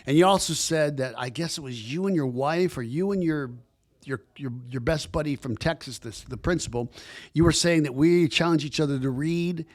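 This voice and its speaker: With a fairly high voice at a moderate pace, this man hosts a podcast and brings on his guest in a rambling, enthusiastic, casual way, frequently starting over mid-thought.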